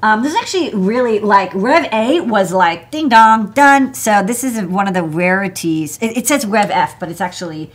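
Animated and medium-pitched, she speaks at a normal speed with few pauses. The American host, an electronics engineer in her thirties or forties, runs a casual live hardware show-and-tell at an indoor desk, chatty and rambling with frequent "like" and "you know".

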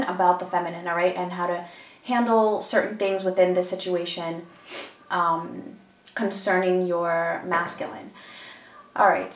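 This medium-pitched woman, a tarot reader, gives a casual, meandering reading to camera at a table indoors, sounding stuffy from a cold and saying um a lot. The mic is set back, and the room echoes.

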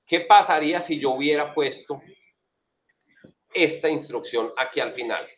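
Speaking with a Colombian Spanish accent, a man with a fairly high, somewhat bright voice gives a casual screen-share coding lesson at a measured pace. He walks through his code in a chatty, slangy way, often asking his students "right?" to check in.

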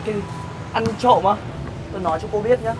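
Quick, high-voiced man playing a protective guardian. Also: lightly acted. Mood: firm. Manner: firm and protective, reasoning calmly. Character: kind man defending his adopted orphan boy. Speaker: adoptive guardian of the boy. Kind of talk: scripted web sitcom acting. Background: background music.

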